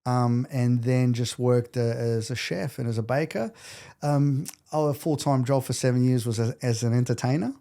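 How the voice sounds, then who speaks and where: A man in his late forties from Adelaide, Australia, chats casually as a podcast interview guest, candid and jokingly self-deprecating. His voice is medium-pitched and warm, with vocal fry, at a normal speed.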